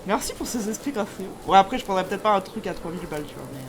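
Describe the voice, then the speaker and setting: A woman's voice: mid-range voice, animated, very fast, background noise. A woman streaming a horror game live, chatting informally and jokingly to viewers with scared, easily startled reactions.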